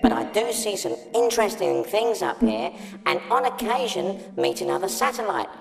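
A man's voice: high voice, expressive, moderate pace, gravelly, voice pushed up, exaggerated voice. A man voicing Cyrus, a bubbly, chatty and friendly satellite who has been alone in space a long time.

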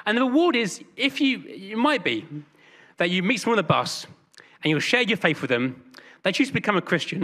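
A man preaching a sermon in church, telling stories in a lively, chatty way with jokes and quick asides. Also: high-pitched. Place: church hall with congregation.

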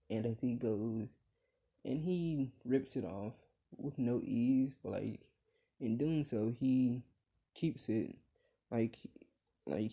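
Slow, dark-voiced young man rambling a story. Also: mid-range voice, gravelly, breathy edge. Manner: rambling, many fillers and restarts. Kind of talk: improvised fan-fiction storytelling.

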